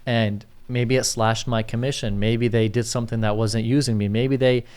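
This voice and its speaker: A young man in relaxed podcast chat with a co-host, his voice sitting at a middling pitch. He talks loosely and casually, reads listener questions aloud and keeps checking in with "you get what I'm saying?". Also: normal speed, smooth.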